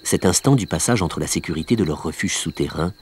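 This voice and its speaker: A man delivers scripted nature documentary narration in a measured, explanatory storytelling manner. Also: low voice, animated, a little mellow, slight background noise.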